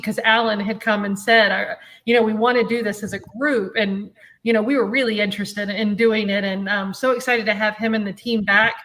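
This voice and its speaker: A woman's voice: mid-range voice, fairly bright tone. A woman who runs a convention, talking casually in an interview and laughing easily. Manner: chatty, laughs often. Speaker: convention director.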